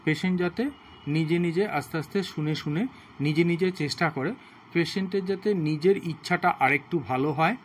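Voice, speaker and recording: A man demonstrating physiotherapy exercises on a patient at home, explaining each step slowly and with much repetition. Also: on the high side, a little hiss or hum. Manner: slow, repetitive, instructive.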